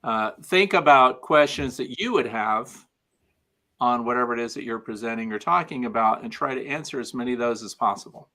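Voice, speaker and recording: A man chatting as a guest on a livestream video call, giving advice with deadpan dry humor. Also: mid-range voice, brisk. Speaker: guest beekeeping video maker. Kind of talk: casual livestream chat.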